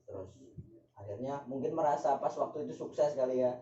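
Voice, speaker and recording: This guest is a young man from Java, Indonesia, whose mellow, mid-pitched voice moves fairly quickly. He jokes in slang, laughs often, and sings a bit in a casual chat, and the room sound is dull, distant, and echoey.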